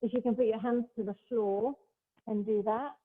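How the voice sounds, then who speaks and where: A Pilates instructor with a high voice guides her class through each move at a normal speed, calm and step by step, chatting between cues. She's in a large hall streamed over a video call, so her voice carries a long echo and sounds thin and phone-like.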